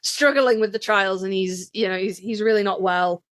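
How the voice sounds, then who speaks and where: Recorded close and dry, a podcast co-host with a mid-range voice talks at a normal speed. Her style is casual, peppered with swearing and self-deprecating fan excitement.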